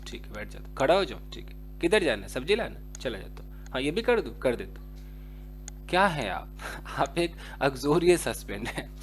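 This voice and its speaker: A man teaching English vocabulary in a lesson, reading English definitions slowly and explaining them quickly in Hindi. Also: high-pitched. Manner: chuckles at his own examples.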